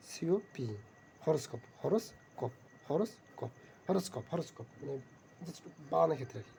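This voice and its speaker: Guy teaching spelling, dark gravelly voice, says each word over and over, bit of hiss. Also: fairly high pitch. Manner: spells words slowly, repeats them many times. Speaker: vocabulary teacher. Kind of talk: spelling lesson, letter by letter.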